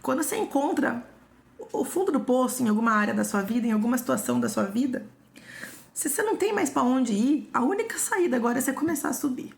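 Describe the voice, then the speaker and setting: A woman's voice: high voice, animated, fast, creaky. A young woman with a Brazilian Portuguese accent tells her own story in a personal testimony vlog. She talks earnestly and emotionally and repeats phrases for emphasis.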